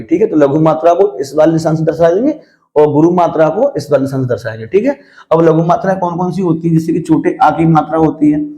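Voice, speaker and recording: A man leads a classroom-style grammar lesson in a fairly high yet mellow voice, calling his students "beta." He pauses often to confirm they follow, with frequent "theek hai." He answers his own questions and recites verse lines slowly and deliberately.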